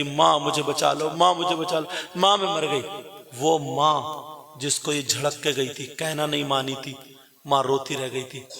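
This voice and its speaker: A male preacher telling a cautionary story in a sermon, impassioned and admonishing his young listeners, rising to shouted climaxes. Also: medium pitch.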